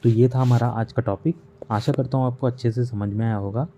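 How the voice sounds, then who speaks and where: A man's voice: medium pitch, fairly even intonation, fairly quick, mellow. A man teaching a grammar lesson, patiently repeating each point and asking rhetorical questions. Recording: slightly dull recording with faint hiss.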